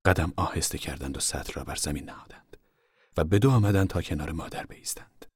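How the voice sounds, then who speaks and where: A man reads a novel aloud in a soft, hushed, measured way. His voice is very deep and husky, and the recording is dry and close, with no room sound at all. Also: no room sound. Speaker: narrator. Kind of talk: audiobook narration of a novel.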